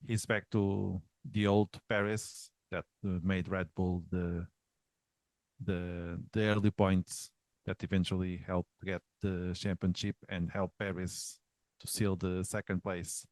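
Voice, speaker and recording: A man on a racing review panel, speaking haltingly in casual chat with frequent uhs and ums. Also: deep voice, little pitch movement, darkish tone, no room sound. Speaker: panel pundit.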